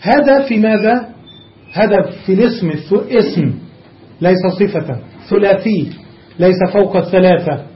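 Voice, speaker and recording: A high-voiced male sheikh teaches Arabic grammar in a classroom lecture captured on a dull, lo-fi recording. He quizzes students with rhetorical questions and drills through word forms one after another at a measured pace.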